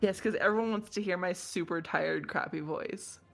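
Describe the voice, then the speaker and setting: A woman co-hosting a casual podcast chat, teasing and quick to laugh. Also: lowish voice, vocal fry, faint music behind. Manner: teasing, giggly. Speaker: podcast co-host.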